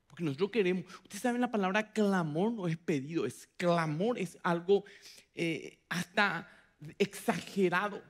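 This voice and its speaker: A man preaching a sermon as pastor, dramatic, acting out quoted voices with big swings from loud to hushed. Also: high-pitched, moderate pace. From Paraguay. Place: church hall.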